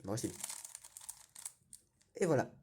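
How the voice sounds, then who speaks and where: A man's voice: slow pace, dark tone. A young man giving a patient step-by-step tutorial, often correcting himself. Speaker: cubing tutorial host.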